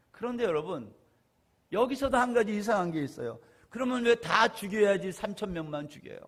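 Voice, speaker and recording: A man pastor preaching a Sunday sermon, asking the congregation questions and moving between loud stresses and quiet asides. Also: high-pitched.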